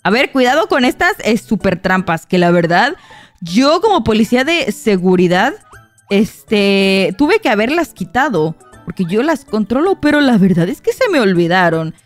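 A young woman giving excitable Roblox gameplay commentary, talking to her viewers and shrieking when startled. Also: mid-range voice, moderate pace, soft background music. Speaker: gaming YouTuber.

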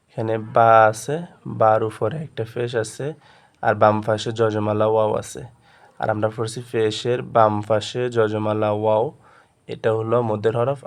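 Flat-voiced man drilling spellings. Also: fairly low pitch. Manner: drills spellings in a repetitive chant; directs attention to the page. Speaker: Quran reading teacher. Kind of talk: step-by-step lesson.

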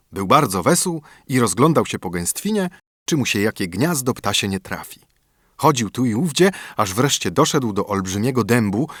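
A man narrates a fairy tale in expressive storytelling, and his pitch rises and falls in lively arcs. The recording is close and dry, with no room sound. It is a studio audiobook reading. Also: no room sound.

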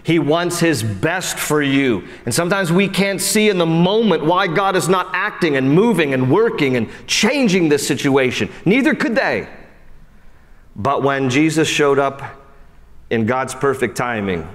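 A man preaching a sermon, animated, often dropping low and soft for emphasis and speaking straight to his listeners. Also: unhurried, big-room sound. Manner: acts out quoted voices and speaks straight to listeners. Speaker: pastor.

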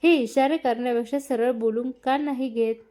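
A stern, caring middle-aged uncle, as a woman narrator reads his lines. He speaks firmly and scolds, in a mellow, slightly high voice. Part of a family story read aloud. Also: fairly even intonation, normal speed, close to an everyday voice. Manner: firm, scolding, rising to a shout.

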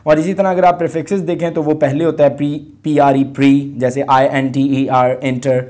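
A man teaching an English lesson, explaining in Urdu and reading the English words out slowly with drawn-out emphasis. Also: a little high, level tone, darkish tone. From Pakistan. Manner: slow and deliberate, mixing Urdu with English. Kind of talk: recorded classroom lesson.

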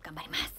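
A young woman with a Kansai accent, chatting casually on her livestream and reading viewer comments, often softening into near-whispers. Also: on the low side, background noise. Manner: soft-spoken, drifts into near-whispers, laughs often.

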